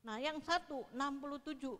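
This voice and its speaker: A woman's voice: high-pitched, a little fast, a bit bright. A woman in her sixties preaching a sermon in church, telling stories and asking the congregation questions. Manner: storytelling, asks the congregation questions, acts out quotes. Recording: reverberant hall.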